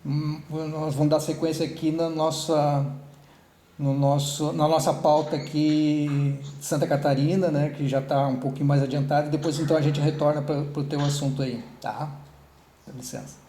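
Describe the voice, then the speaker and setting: A man leads an online meeting in a loose, halting way, full of restarts and little tag questions. His voice sits a bit high yet sounds mellow. He is heard through an echoey call line. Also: little pitch movement, slight background noise. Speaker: meeting coordinator.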